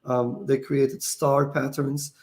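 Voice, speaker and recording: His voice is mid-range, level, slow, and a little mellow. The speaker is a middle-aged founder fielding viewer questions while tired and losing his voice. He covers technical matters casually, reasoning aloud with frequent fillers and restarts.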